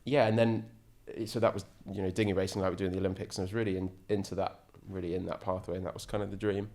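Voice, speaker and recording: A very low-pitched man talks eagerly as an interview guest. He rambles a little, backs up and restarts his thoughts, and keeps an easygoing, conversational tone. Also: level tone, rapid-fire, a little mellow. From England. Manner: enthusiastic, rambling with frequent restarts. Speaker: podcast guest, ocean sailor. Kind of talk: casual interview chat.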